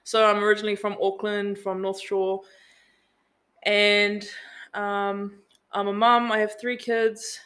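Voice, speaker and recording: Nz woman chatting on a podcast, bright clear voice, lots of likes and ums. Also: medium pitch, slow pace. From New Zealand. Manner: relaxed storytelling with many fillers. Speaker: guest, event business owner. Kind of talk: casual podcast interview.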